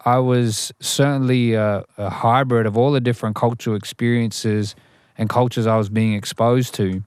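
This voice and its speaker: A young Australian man, a rapper and interview guest, looks back on his upbringing with frequent restarts and plenty of "you know." His mid-range voice is a little mellow, clear and resonant, with fairly even intonation at a moderate pace. The studio sound is clean, without any room sound.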